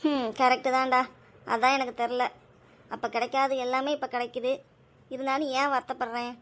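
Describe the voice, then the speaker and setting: High-voiced mother in casual family chat. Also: level tone, fairly bright tone. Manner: brisk, scolding yet caring.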